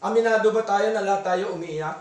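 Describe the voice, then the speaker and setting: A man with a Filipino accent preaching a sermon in a church, asking the congregation for assent and reading verses slowly. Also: high voice, roomy sound, distant mic. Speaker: pastor. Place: church hall.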